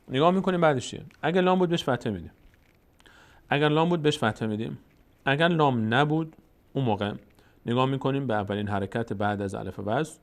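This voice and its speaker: Man slowly teaching Quran recitation. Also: medium pitch, creaky. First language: Tajik. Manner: explains rules then slowly drawls recited words. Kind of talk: recorded tajweed lesson.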